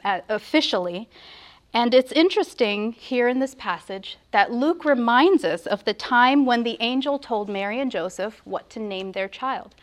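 Fairly high-voiced woman preaching at a pulpit microphone. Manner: earnest, measured, reverent. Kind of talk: sermon with prayer and scripture.

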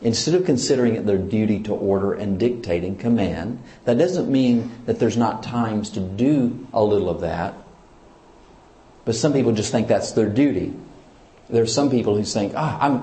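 Here a male church leader teaches sermon-style at a moderate pace, his lowish voice reverberating around him. Animated and forceful, he questions the audience and hammers home what he is saying.

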